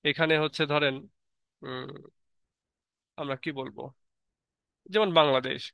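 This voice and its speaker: A man's voice: mid-range voice, a little slow, vocal fry, sharp tone, clean tone, no room sound. A man teaching a grammar lesson, patiently explaining and spelling words out letter by letter.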